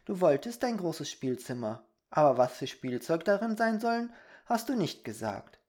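A storybook reader voicing a little female fairy who patiently explains things to a boy, in a soft and kind manner. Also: medium pitch, sing-song, normal speed, voice pushed up, lightly acted. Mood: gentle.

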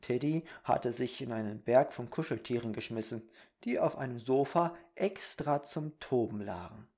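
A storyteller reading a children's bedtime story aloud in a calm, measured manner. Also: medium pitch, gravelly.

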